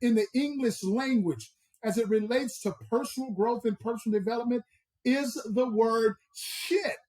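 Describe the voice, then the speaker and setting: A man's voice: very high-pitched, a little mellow. A man from the American South with a Southern accent, talking as a personal growth coach on a podcast in an emphatic, preacher-like way. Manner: emphatic, preacher-like, drawn-out stresses. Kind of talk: motivational podcast talk.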